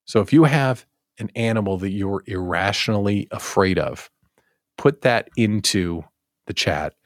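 Speaking at a measured pace in a fairly low voice, an American man runs a casual daily live show for small business owners, teasing his audience and doubling up words for comic punch. The recording is dry and studio-clean.

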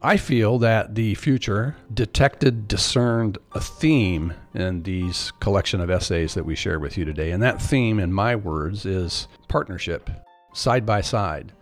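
A man's voice: lowish voice, a little slow, faint music behind. A man co-hosting a podcast, talking in a conversational, reflective discussion style. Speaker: podcast co-host.

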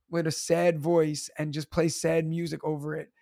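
A man, a teacher and comedian telling animated, laughing stories in a casual interview. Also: on the high side, unhurried, vocal fry, no room sound, clean studio sound. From United States. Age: 30s. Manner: animated, laughing, acts out voices in his stories. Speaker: teacher and stand-up comedian, guest.

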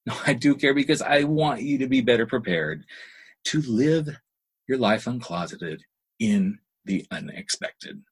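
Husky guy doing a podcast pep talk, kinda lower voice, folksy and emphatic, lots of repeating for effect. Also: animated, unhurried. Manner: emphatic, folksy, colloquial pep talk with rhetorical questions and repetition. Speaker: podcast host and speaker. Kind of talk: motivational solo podcast talk to listeners.

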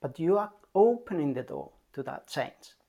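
Calm parenting coach who keeps asking "yeah?". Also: medium pitch, moderate pace. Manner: calm and emphatic, checks in with a frequent "yeah?"; repeats key points for emphasis. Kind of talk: advice talk to parents.

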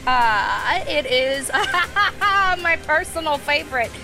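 A woman's voice: sits high, animated, slow pace, creaky, over music, crowd noise, rough recording. A woman playing a tabletop game, chatty and playful. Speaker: player. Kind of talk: casual chat.

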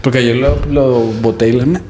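A man's voice: medium pitch, normal speed. Man telling a story in a roomy studio. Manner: storytelling, slangy, animated retelling. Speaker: guest comedian. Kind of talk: casual podcast chat. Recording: roomy podcast studio with faint noise.

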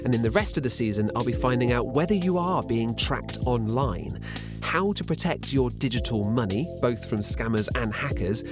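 A British man presenting a scripted science podcast, emphatic and inquisitive, posing rhetorical questions. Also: mid-range voice. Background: music.

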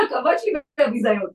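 A woman who works in legal aid, telling a story in casual chat and acting out the voices of the people in it. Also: on the high side. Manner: animated, acts out quoted voices. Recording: echoey room from far off.

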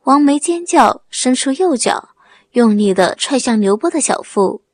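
A woman reads a serialized story aloud with a high, breathy-husky voice. The sound is dry and close, with no room in it. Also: animated, measured pace, darkish tone, dry recording. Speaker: narrator. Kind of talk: dramatic audiobook narration.

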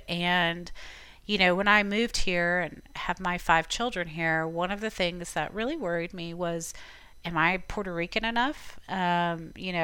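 A woman from Florida hosting a podcast, giving chatty, encouraging advice in a relaxed conversational way. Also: on the low side, smooth, no echo. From Tampa, Florida. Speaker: podcast host. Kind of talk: casual advice talk.

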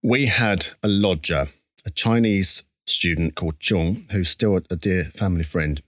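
Low-voiced Essex man chatting. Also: moderate pace, a bit bright, dry recording. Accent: Essex English. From Essex, England. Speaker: interview guest, musician. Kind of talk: casual reflective interview chat.

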